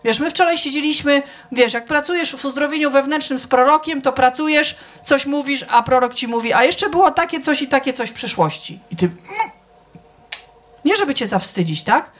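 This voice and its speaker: With a high, expressive, fairly bright voice at a moderate pace, a middle-aged woman delivers a conversational sermon as a church speaker. She frequently asks the audience if they're with her and voices the people she quotes with distinct shifts.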